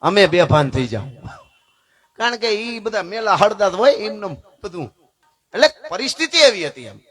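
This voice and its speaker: A man telling a folk tale in a lively, conversational way, full of jokes and asides to the audience. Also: sits high, normal speed. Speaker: folk storyteller. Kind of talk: folk storytelling to a live audience.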